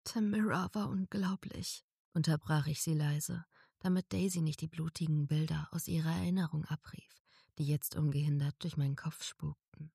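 A woman reading a first-person audiobook story in a calm, measured narration. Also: deep voice, vocal fry, breathy edge, dry recording, studio quality.

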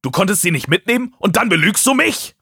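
A man's voice: high voice, big pitch swings, fairly quick, slightly rough, no room sound, clean studio sound, voice pushed up, heavily acted. A man voicing an angry young brother in an audiobook, hurling accusations at a friend. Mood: accusing. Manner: shouting accusations.

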